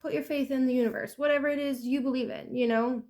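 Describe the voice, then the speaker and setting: A woman's voice: high voice, steady tone, fast talker, darkish tone. A woman giving a casual, rambling tarot reading in a chatty, self-deprecating way. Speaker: tarot reader.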